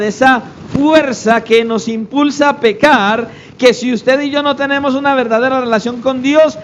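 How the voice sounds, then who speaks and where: A man with a strikingly high voice preaches a sermon in a church, pressing his listeners with rhetorical questions. His delivery is emphatic and driving. A faint hum of noise sits behind him. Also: poor audio. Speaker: pastor.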